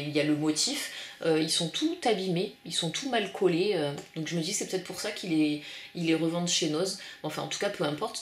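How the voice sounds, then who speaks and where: A woman's voice: on the low side, fairly bright tone. A woman vlogger chatting casually and enthusiastically about her craft supply haul, with lots of fillers. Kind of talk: casual haul show-and-tell. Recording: echoey room with faint noise.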